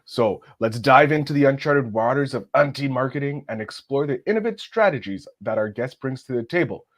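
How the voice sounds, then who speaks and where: A man's voice: mid-range voice, expressive, fairly quick. A man hosting a podcast, opening with a formal, grandiose and enthusiastic introduction before interviewing his guest. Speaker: podcast host.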